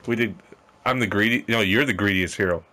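A man's voice: fairly low pitch, brisk, bright, forceful tone. A man hosting a casual co-op gameplay session, joking, laughing often and swearing. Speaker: gaming channel host.

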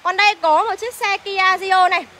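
A young woman livestreaming from a used car lot, briskly reading out car prices and greeting viewers by name, recorded on a phone as she walks. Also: extremely high pitch, steady tone, a bit bright. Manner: brisk sales patter, reels off prices and addresses viewers as "anh".

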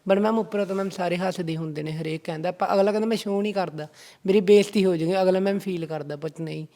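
A man's voice: high voice, steady tone, fast, mellow. A young man being interviewed about the poems he writes. He talks earnestly and addresses the interviewer as ma'am in almost every phrase. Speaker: interview guest, poetry writer. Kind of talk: casual interview talk.

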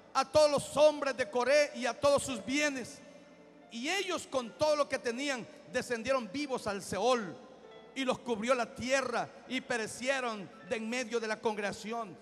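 A man preaching a sermon as pastor, reading scripture and breaking into shouted exhortations. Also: very high-pitched. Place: church. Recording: hall reverb with faint music.

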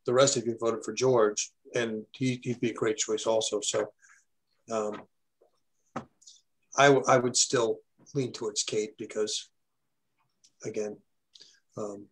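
Man, board member, husky voice, measured, deliberate. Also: on the low side, little pitch movement, poor audio. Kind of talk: public meeting discussion.

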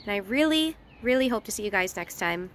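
A woman vlogging casually while walking outdoors through an old town, chatty and slightly hoarse, with lots of fillers. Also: medium pitch, lively intonation, fairly quick, heavy background noise. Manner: chatty, laughs often, hesitant fillers. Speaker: travel vlogger.

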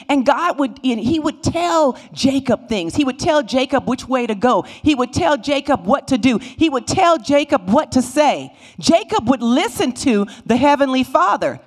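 A middle-aged woman teaching a Bible lesson in a church sanctuary, speaking into a handheld microphone and retelling the stories with lively voices for the figures. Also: high voice. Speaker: Sunday school teacher.

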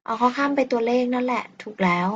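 A woman with a Thai accent teaching an English lesson, explaining patiently in a slow, polite way. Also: fairly high pitch, muffled recording, slight background noise. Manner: patient, explains slowly, ends phrases with polite particles.

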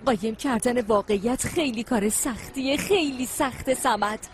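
A woman plays a meddling woman who spies on the neighbours and bosses her husband around. Her voice is high and impatient, with soft music beneath. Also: close to an everyday voice. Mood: conspiring. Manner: bossy, hushed, impatient. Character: scheming nosy woman Hulya, spying and bossy. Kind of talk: Persian dub of a Turkish drama.

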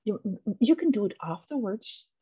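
A woman's voice: mid-range voice, big pitch swings, moderate pace, warm tone, slightly rough. A woman co-hosting a casual podcast chat, mostly chiming in with short agreeing replies. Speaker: co-host.

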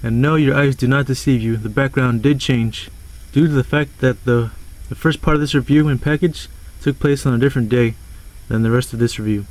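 A man talks through an action figure in a loose, unscripted way, pitched in an ordinary middle register. He rambles, corrects himself mid-sentence and drops casual swearing as he goes. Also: steady tone, fairly quick, few pauses, a little mellow, rough recording. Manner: rambling, swears casually, stumbles over words. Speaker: toy reviewer. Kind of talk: casual toy review.

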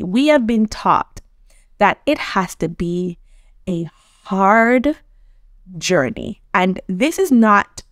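A Jamaican woman with a mid-range voice hosts a motivational self-improvement talk as a coach, earnest and conversational, often checking in with the viewer. The sound is clean studio audio with no echo.

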